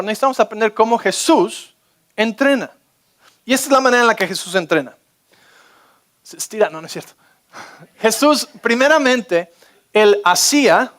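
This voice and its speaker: A man delivers a sermon from the pulpit, with a notably high voice for a man. He preaches with energy and keeps asking his listeners if they are following him. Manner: energetic, keeps checking in with the audience. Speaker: pastor.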